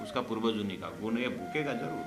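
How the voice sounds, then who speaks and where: A man voicing a calm old male guru who gives advice in a low, hushed, knowing tone. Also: a little fast, roomy sound, over music, close to an everyday voice. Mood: sly, reassuring.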